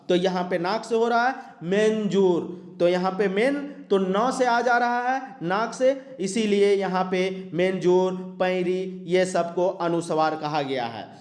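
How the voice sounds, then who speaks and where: A man teaching an exam-prep grammar lesson, explaining step by step, repeating terms and drawing out example sounds. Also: high voice. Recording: echoey room.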